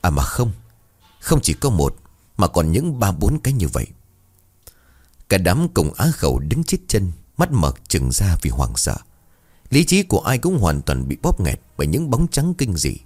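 A man narrating a ghost story in a dramatic, expressive way. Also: low-pitched, normal speed.

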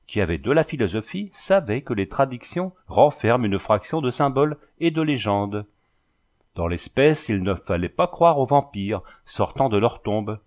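A man narrating a literary novel as an audiobook in a measured, expressive reading. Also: mid-range voice.

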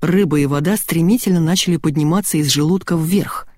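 A woman narrating a comic novel in first person, in a lively, expressive reading. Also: deep voice, a little fast, no echo, studio quality. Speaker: audiobook narrator.

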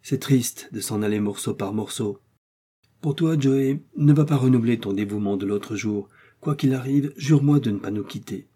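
Man doing a resolute explorer doc, urgent, husky dark voice, audiobook. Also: mid-range voice, normal speed, lightly acted. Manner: commanding, urgent. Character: resolute male explorer and scientist.

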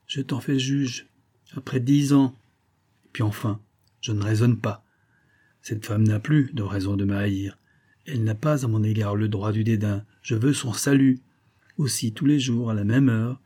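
Man reading as proud wounded older gentleman, insistent and agitated, warm husky voice, audiobook. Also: fairly low pitch, lightly acted. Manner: agitated, reasoning aloud, insistent. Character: bitter obsessive middle-aged man, proud and wounded.

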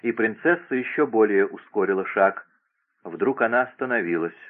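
A man narrating a story aloud in an expressive storytelling manner. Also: fairly low pitch, moderate pace. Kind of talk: audiobook narration on radio. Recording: tinny phone-like radio broadcast.

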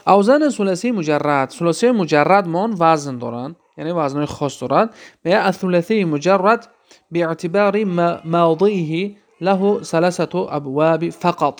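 A male teacher with a gravelly, slightly high voice explains grammar patterns one by one. He poses questions to his listeners and then answers them himself in a patient lesson style.

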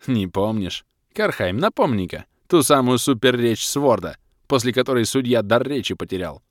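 A grumpy male prisoner scolds his companions in a grumbling, lively voice, as a man puts him on. The audiobook recording sounds dry and close. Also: mid-range voice, moderate pace, dry recording, voice pushed up, close to an everyday voice. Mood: scolding.

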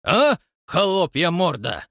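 A man's voice: mid-range voice, big pitch swings, unhurried, no echo, studio quality. A man voicing a pompous, grey-bearded old man posing as a count, grandiose and menacing. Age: older.

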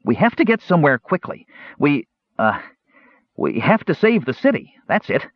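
Storybook kender: a small, excitable male trickster, high and eager, with a husky edge and lively swings in pitch, as a male narrator puts him on. Dull, lo-fi recording. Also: moderate pace, no echo. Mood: urgent.

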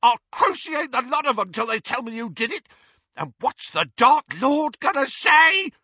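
A man voicing an uncouth, bullying male dark wizard who bellows and shrieks coarsely, in a slightly dull, dry recording. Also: on the high side, big pitch swings, moderate pace, husky, no room sound, pitched above the performer's own voice, heavily acted. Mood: panicked.

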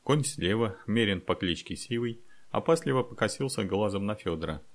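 Audiobook narrator, male, very low and gravelly, steady measured reading. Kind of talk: scripted narration.

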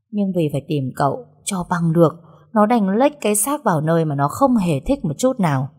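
A woman narrating a comic audio story in a lively manner. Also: lowish voice.

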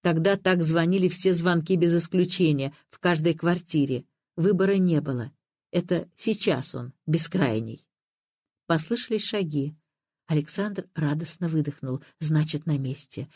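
A narrator reading a literary story in a calm, measured way. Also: medium pitch, breathy edge, dry recording.

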